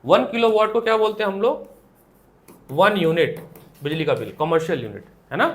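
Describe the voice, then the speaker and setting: A man's voice: sits high, moderate pace, a bit bright. A young man with an Indian accent teaching a physics class, asking questions and answering them himself. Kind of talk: classroom lecture. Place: classroom with students.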